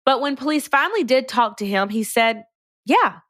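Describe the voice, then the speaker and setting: A woman's voice: a little high, a little fast, a bit bright, dry recording, studio quality. A woman co-hosting a podcast, chatting casually and sarcastically through a true-crime case. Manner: chatty, slangy, sarcastic asides. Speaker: podcast co-host.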